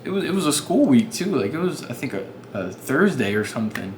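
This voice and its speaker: A man's voice: medium pitch, big pitch swings, brisk. Young man, vlogger, rambling casual storytelling, lots of fillers, noisy ambience. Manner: rambling, many fillers and restarts.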